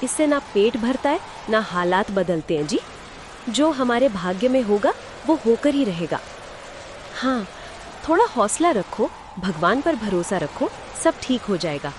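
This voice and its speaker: A woman voicing a pious village wife in a cartoon who gently urges her husband to trust in God. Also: fairly high pitch, sing-song, measured pace, slight background noise. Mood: coaxing. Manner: gently coaxing, faithful, reassuring.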